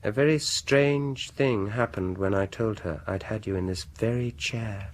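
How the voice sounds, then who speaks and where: In a radio horror drama, an actor voices a vengeful, sinister male dentist who gloats with deliberate slowness, stretching out words and sinking into whispers. His natural voice sits on the lower side, and the mood is menacing yet intimate.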